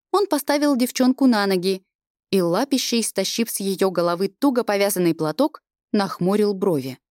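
A woman's voice: medium pitch, a little mellow, no echo. Woman narrating a story, dry close sound. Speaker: audiobook reader. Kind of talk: scripted narration.

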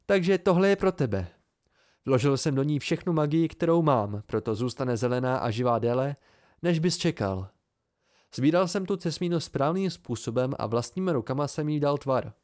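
A man's voice: medium pitch, lively intonation, a little mellow, no room sound, clean studio sound, close to an everyday voice. A man reading an amateur audiobook and voicing a charming, mercurial fey youth with a raised, eager voice and sudden intensity. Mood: coaxing.

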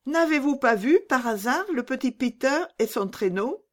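A woman voicing a gentle, anxious little girl in a children's storybook reading, timid and pleading. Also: high voice, animated, moderate pace, voice pushed up.

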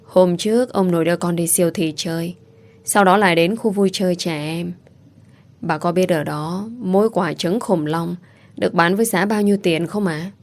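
A woman's voice: fairly low pitch, moderate pace, close to an everyday voice. A woman voicing a small, affectionate boy who talks in a pleading, childlike way. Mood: eager.

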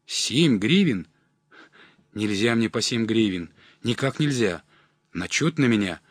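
Brief: flustered simple villager voiced by a man, husky, animated. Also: lowish voice, slow pace, no echo, studio quality, full character voice. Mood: dismayed. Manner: bewildered, pleading, rustic talk. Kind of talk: audiobook character voice.

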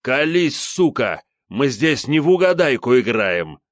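A man voicing a hot-tempered, brutal police captain who shouts threats. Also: medium pitch, sing-song, unhurried, no echo, studio quality, pitched above the performer's own voice. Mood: furious.

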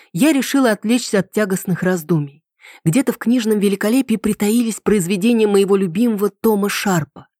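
A woman narrating an audiobook in the first person with an ironic, lively storytelling manner. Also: medium pitch, no room sound, studio quality.

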